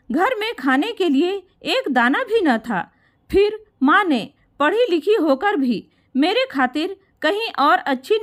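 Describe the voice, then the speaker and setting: A woman's voice: extremely high pitch, full character voice. A woman playing an earnest, dutiful grown son. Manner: pleading, reasoning.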